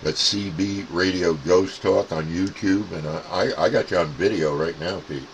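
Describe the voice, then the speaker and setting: Deep-voiced and speaking at a moderate pace, an American amateur CB operator from upstate New York co-hosts a channel and makes casual radio contact, full of call signs and jargon. Background noise runs underneath.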